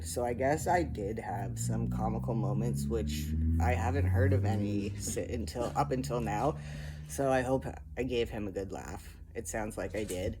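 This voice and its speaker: A man's voice: on the low side, noisy background. A young man casually telling a rambling personal update from home, full of ums and likes. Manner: rambling, filler-heavy storytelling. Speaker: vlogger. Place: home, indoors. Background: faint animal noises.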